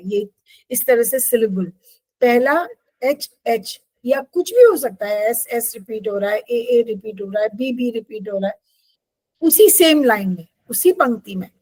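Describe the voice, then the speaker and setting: A woman's voice: a little high, a little mellow, husky, low-quality recording. A woman teacher explaining poetry devices to a class, patiently checking in with her students.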